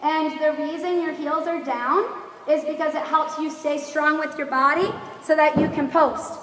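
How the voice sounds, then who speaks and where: High-voiced woman calling brisk riding commands, echoey hall. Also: fairly even intonation, fairly bright tone. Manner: firm, instructive, checks understanding with questions. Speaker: horse riding instructor. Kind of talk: live riding lesson coaching. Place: large echoey riding arena. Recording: echoey hall, distant mic, background noise.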